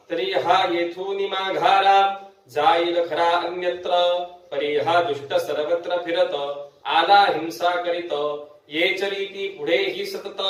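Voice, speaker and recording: A man reciting devotional scripture verse in a slow, melodic sing-song chant. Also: sits high. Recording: very echoey room, voice far from mic.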